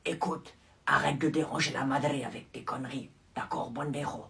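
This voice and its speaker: A man's voice: steady tone, normal speed, gravelly, pushed and bright. A man playing a muttering wannabe mafia kid brother. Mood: menacing. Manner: low, muttered threats mixed with Spanish words. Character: boy acting as a would-be mafia little brother. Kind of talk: comedy sketch.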